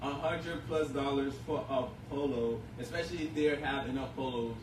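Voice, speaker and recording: A man's voice: medium pitch, moderate pace. A young man from Haiti, a shop owner being interviewed, talking in an earnest, rambling way full of fillers. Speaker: guest, clothing shop owner. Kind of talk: casual interview chat. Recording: echoey room, distant mic, noisy.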